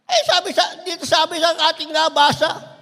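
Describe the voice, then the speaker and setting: Man, impassioned sermon, high-pitched, gravelly, long hall reverb. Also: moderate pace. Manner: impassioned, swings between shouting and low asides. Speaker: preacher. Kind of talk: Tagalog sermon.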